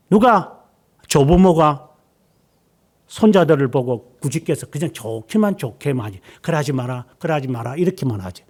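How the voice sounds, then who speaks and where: A middle-aged man preaching a sermon as pastor, firing rhetorical questions at the congregation and swinging from a raised voice down to hushed near-whispers. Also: on the high side.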